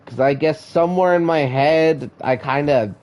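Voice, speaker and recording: A man's voice: a little high, normal speed, a little mellow. A man who is sick, chatting casually to his live-stream chat while he plays, often stammering and repeating words. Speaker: live-streamer playing a block-building game.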